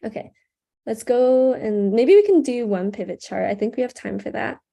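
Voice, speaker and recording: A young workshop instructor leads a live online screen-share tutorial over a headset, talking loosely with lots of "um" and "like." Her voice is on the high side yet mellow and darker, animated at a normal pace, and a sore throat keeps making her clear it.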